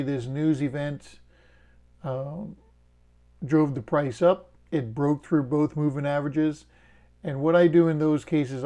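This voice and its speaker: A middle-aged man from the Bahamas, host of an options trading channel, casually goes through his trades on screen and spells out his rules. His Bahamian-accented voice runs on the high side, and his plain, steady explanations come with fillers and folksy jokes.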